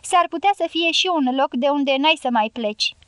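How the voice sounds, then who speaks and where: A woman reading the part of a sharp-tongued, tough guerrilla woman in an audiobook, scolding and brusque. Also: sits high, no echo, close to an everyday voice.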